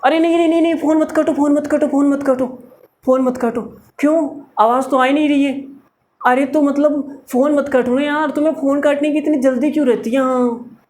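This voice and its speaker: Dude doing a desperate clingy boyfriend, high squeaky begging voice. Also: male voice, steady tone, normal speed, a little mellow. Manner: pleading, repetitive. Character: lovesick young man, clingy and desperate.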